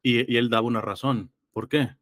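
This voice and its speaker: In a theological interview, this Los Angeles guest talks quickly at medium pitch with fairly even intonation and a slightly bright tone, his throat a little congested. Though hesitant and reflective, he leans on examples and citations to explain, in studio-quality sound with no room echo.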